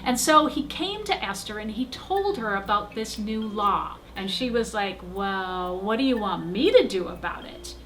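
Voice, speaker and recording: A woman's voice: medium pitch, expressive, unhurried, hardly any pauses, a bit bright, a little hiss or hum, poor audio. A woman working as a children's pastor, telling a story casually to kids in short, emphatic sentences.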